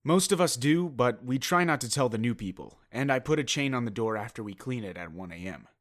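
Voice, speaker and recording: A man's voice: mid-range voice, lively intonation, a little fast, close to an everyday voice. A man playing a matter-of-fact young theater worker. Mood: earnest. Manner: plain, matter-of-fact, hesitant. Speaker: caller.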